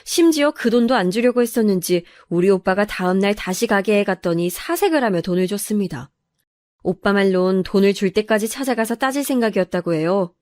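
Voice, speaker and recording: A woman's voice: medium pitch, lively intonation, a little fast, darkish tone, dry recording. A woman narrating a true first-person family story, in an aggrieved, confiding manner.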